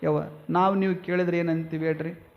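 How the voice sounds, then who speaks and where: A man's voice: on the high side, level tone, brisk, dull audio. A man with a North Karnataka Kannada accent preaching a devotional sermon, folksy, telling stories and calling out to the women listening. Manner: folksy, addresses women as yavva, acts out story voices. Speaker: swami preacher.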